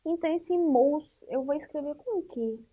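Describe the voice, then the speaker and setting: A woman's voice: high voice, moderate pace, dark tone, low-quality recording. A woman teaching a first-grade Portuguese lesson, speaking patiently and stretching out syllables for children, with a Brazilian Portuguese accent.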